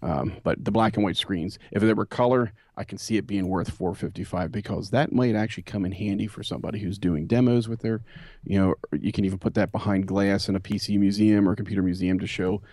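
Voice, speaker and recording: Casting: low-pitched male podcast co-host, relaxed rambling chat, dry close sound. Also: quick pace, dry recording. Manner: relaxed, rambling with many fillers. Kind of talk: casual chat about vintage computers.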